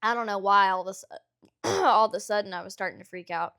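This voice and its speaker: A woman's voice: medium pitch, a little fast, pushed and bright. A young adult woman co-hosting a podcast, talking candidly in a casual, rambling way with lots of fillers and the odd swear word. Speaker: podcast co-host. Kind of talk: casual chat.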